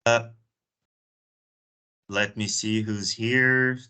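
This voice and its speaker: He's a Brazilian meeting host, Portuguese his first language, chatting casually on a video call and often repeating words at the start of sentences. The lowish voice is pushed, bright, clear and resonant, delivered very slowly with fairly even intonation.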